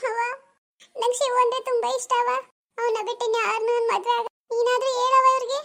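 A young woman playing a lovesick village college girl who pleads softly with her mother. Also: little pitch movement, fast, creaky, heavily acted. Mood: pleading. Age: young adult. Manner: pleading, high and soft.

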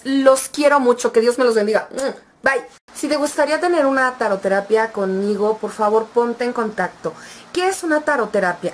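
Affectionate woman vlogger, bright pitch. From Mexico. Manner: affectionate, reassuring, addresses viewer directly. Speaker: vlogger and tarot reader. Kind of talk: casual advice vlog.

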